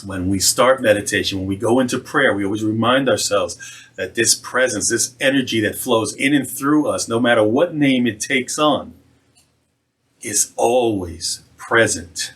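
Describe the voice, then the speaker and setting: A man, a reverend, giving a conversational sermon and slowing down on key phrases. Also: lowish voice, fairly bright tone, breathy edge. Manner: conversational, slows for emphasis.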